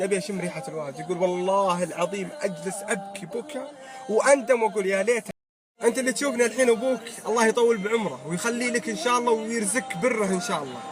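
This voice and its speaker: A man with a Saudi accent delivers an impassioned advice monologue to his followers, his pitch high and his words rushing out fast. He swears oaths again and again as he preaches. Loud music plays behind him the whole time. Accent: Saudi Arabic. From Saudi Arabia. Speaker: social media creator.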